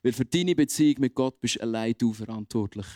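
A young man preaching a youth sermon in a lively, colloquial way. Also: medium pitch, brisk, no echo, studio quality. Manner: lively, colloquial, animated acting out of quotes.

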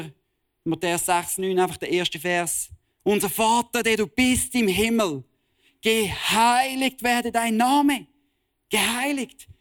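Guy preaching a sermon, pretty high voice, gets fired up and emphatic, slangy. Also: no echo. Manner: impassioned, rising to emphatic high-pitched stress; casual slang mixed into preaching.

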